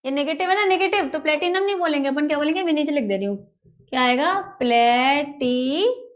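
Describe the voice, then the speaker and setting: Lady teacher, pretty high voice, keeps asking then answering herself, repeats terms over and over. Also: rapid-fire, muffled recording. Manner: calls students "beta", repeats key words, asks and answers her own questions. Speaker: chemistry teacher. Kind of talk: whiteboard lesson, explaining step by step.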